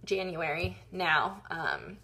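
A woman's voice: on the low side, huge pitch swings, slow, vocal fry, sharp tone. A young woman from Wisconsin with a slight Wisconsin accent, chatting casually and rambling as she walks through her planner in a vlog. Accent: Wisconsin, slipping in at times. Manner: chatty and rambling, with frequent ums and laughs at herself. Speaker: YouTube vlogger.

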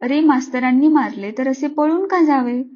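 An old-fashioned father coaxes his son in a brisk, matter-of-fact way, read by a woman telling the story. The voice is high-pitched. The recording has a slightly dull, lo-fi sound. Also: close to an everyday voice. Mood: coaxing. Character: stern but kindly old-fashioned father.

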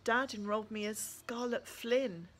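A woman's voice: a little high, steady tone, measured pace, fairly bright tone, a little hiss or hum, voice pushed up. A woman reading the lines of an upset, defiant teenage girl with a tense, choked-up manner. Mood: troubled.

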